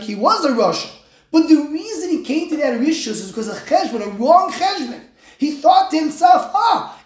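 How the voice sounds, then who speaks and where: Casting: female religious lecturer, higher-pitched, emphatic explainer, recorded in an echoing room. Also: darkish tone. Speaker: religious teacher. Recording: roomy, echoing sound.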